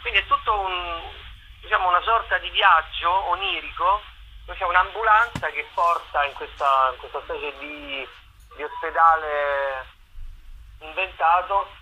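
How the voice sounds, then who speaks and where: The actor and playwright speaks at a measured pace here, his slightly high voice bright and forceful. Chatting with a radio interviewer about his own show, he frequently repeats how his phrases begin. Highs are cut off, and there's slight background noise.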